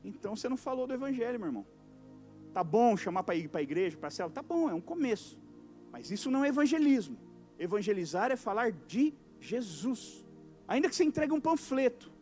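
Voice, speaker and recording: A high-pitched male pastor with a Brazilian Portuguese accent delivers a lively evangelical sermon in church. He jumps between booming lines and near-whispers and acts out everyday conversations. Soft music lingers in the background. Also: brisk. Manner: animated preaching, acts out little dialogues, swings from loud to soft. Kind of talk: evangelical sermon to a youth service. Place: church service.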